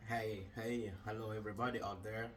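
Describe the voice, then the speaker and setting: A man from Uganda co-hosting a casual podcast chat, measured and thoughtful with frequent hesitations. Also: on the low side, flat delivery, a bit bright, distant mic, slight background noise. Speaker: podcast co-host.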